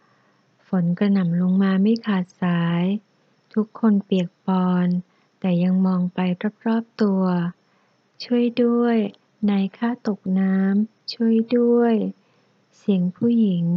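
A woman narrating a historical novel in a measured, steady storytelling voice. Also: medium pitch, no room sound, highs cut off. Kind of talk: reading a historical novel aloud.

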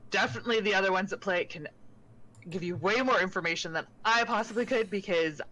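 A woman streamer in casual chat, talking with animated enthusiasm. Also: medium pitch, quick pace, rough recording.

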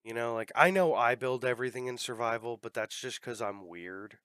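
A man's voice: medium pitch, brisk, a bit bright, smooth, dry recording. A man hosting a podcast, chatting casually while playing a game, swearing freely. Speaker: podcast host. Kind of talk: casual chat while gaming.

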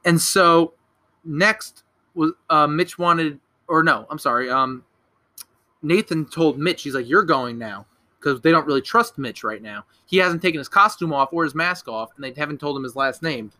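A man's voice: on the high side, moderate pace, bright, forceful tone. A young man casually recapping a horror movie on a podcast, rambling, swearing and correcting himself as he goes. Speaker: podcast co-host.

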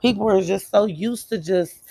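A woman's voice: mid-range voice, moderate pace, creaky, warm tone, no room sound. A woman giving a casual motivational monologue in an earnest, emphatic way, repeating phrases for emphasis. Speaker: motivational speaker.

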